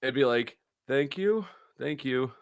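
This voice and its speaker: Unhurried and animated, this middle-aged livestream host has a smooth, mid-range voice. He rambles through anecdotes with his viewers, speaking bluntly and cursing now and then.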